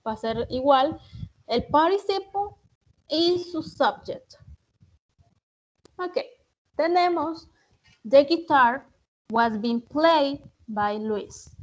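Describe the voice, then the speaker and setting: A woman with a Salvadoran Spanish accent teaching English in an online class, explaining slowly and reading example sentences with care. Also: sits high. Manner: slow, deliberate, reads English examples carefully. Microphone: video call. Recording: muffled online-class audio.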